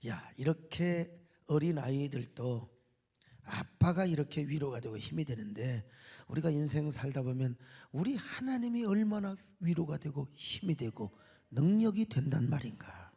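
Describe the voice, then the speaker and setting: A middle-aged pastor preaching in a dramatic style that drops to near-whispers and climbs to shouts. His voice sits a bit high, moves with lively pitch swings, and carries a gravelly rasp. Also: a little slow. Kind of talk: sermon.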